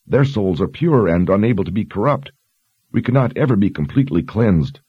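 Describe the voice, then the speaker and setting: A man's voice: fairly low pitch, lively intonation, a little fast, husky, dry recording, lo-fi sound, voice pushed up. A man voicing a frightened, dutiful young woman sergeant who speaks earnestly and deferentially. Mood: anxious.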